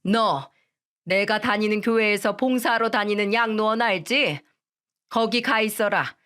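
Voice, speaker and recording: A woman's voice: mid-range voice, unhurried, a bit bright, natural voice. Woman as a stern scolding mother-in-law. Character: stern middle-aged mother-in-law, severe and commanding.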